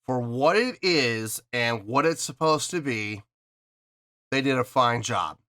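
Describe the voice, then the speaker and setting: A man hosting music review videos speaks casually and emphatically to his viewers on camera, often repeating phrases for stress. His medium-pitched voice is animated, slow, pushed, and bright.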